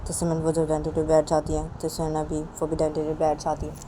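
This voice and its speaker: A woman's voice: deep voice, monotone, warm tone, a little hiss or hum, poor audio. A woman narrating a homemade romance story in a plain, repetitive way. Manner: repetitive, plain, slow retelling.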